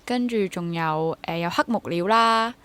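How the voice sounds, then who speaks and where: This interview guest is a young theatre actor and drama teacher from Hong Kong, speaking Cantonese-accented talk sprinkled with English. She sounds fairly low and fairly bright, with a clean tone, and she takes her time.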